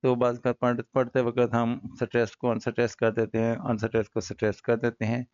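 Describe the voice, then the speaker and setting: A male teacher with a Pakistani accent, giving a casual poetry lesson that mixes Hindi-Urdu explanation with slow, careful reading of English lines. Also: medium pitch, completely flat delivery, darkish tone, clean tone, no room sound. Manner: casual, addresses students as brother. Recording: dull lo-fi recording.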